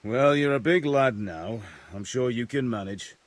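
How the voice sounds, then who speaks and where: In a video game cutscene, an actor voices a gruff, joking middle-aged village blacksmith who bluntly teases his son and orders him around. He speaks at a measured pace in a medium pitch close to an everyday voice, with no room sound.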